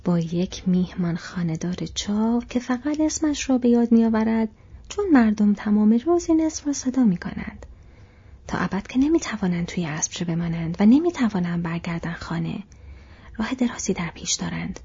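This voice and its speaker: A woman voicing a grave, knowing male ranger in a breathy whisper, as whispered role-play in a storybook reading. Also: medium pitch, lively intonation, mellow, dull audio.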